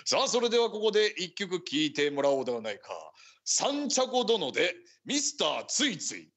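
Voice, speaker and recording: Guy doing a ninja boss hosting radio, husky voice, old samurai talk, really lively pitch. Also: a little fast, heavily acted. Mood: hearty, presenting. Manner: archaic samurai-style speech. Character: bantering ninja chief speaking like an old-time warrior. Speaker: radio show host.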